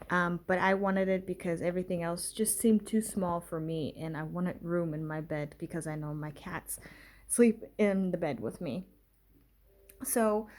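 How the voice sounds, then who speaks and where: A young woman gives a casual tour of her small apartment, chatting with many "um" pauses as she moves from room to room. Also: lowish voice, a little mellow. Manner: chatty, many "um" pauses, walks through rooms while talking. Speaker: vlogger giving a home tour. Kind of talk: casual house tour narration.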